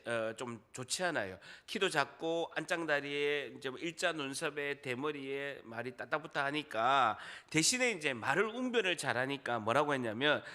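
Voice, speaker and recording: A middle-aged man from Busan with a Gyeongsang accent preaches with a swinging, lively pitch and a bright, forceful tone. He quizzes his congregation and drops jokes into the sermon, and his voice sits fairly high. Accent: Gyeongsang dialect. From Busan, South Korea. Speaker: pastor.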